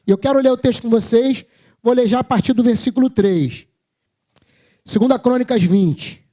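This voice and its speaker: High-voiced Brazilian man preaching. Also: moderate pace, dark tone. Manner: humorous, self-mocking, conversational. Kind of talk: sermon with personal storytelling. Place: church service.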